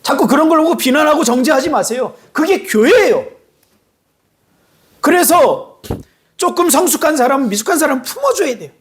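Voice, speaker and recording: High-voiced man preaching with animation. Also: moderate pace, pauses often. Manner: animated preaching, teasing congregation members by name. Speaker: pastor. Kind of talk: sermon. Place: church sanctuary.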